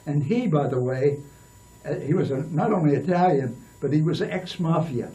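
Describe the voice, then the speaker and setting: Older man, interview guest, rambling anecdotal delivery, slightly raised pitch, mellow tone, mic a bit distant. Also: lively intonation, moderate pace, lo-fi sound. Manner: rambling, with many restarts and fillers. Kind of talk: storytelling in a casual interview.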